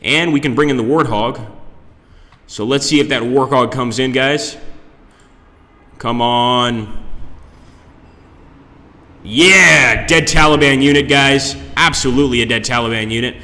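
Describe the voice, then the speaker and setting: A man with a bright, forceful voice gives excitable running commentary as he plays, cursing at setbacks. He streams from a conference room, and a long reverb gives everything he says a cave-like echo. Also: mid-range voice, measured pace, pauses often. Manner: chatty, excitable, swears at setbacks. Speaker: livestreamer. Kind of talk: live gameplay commentary.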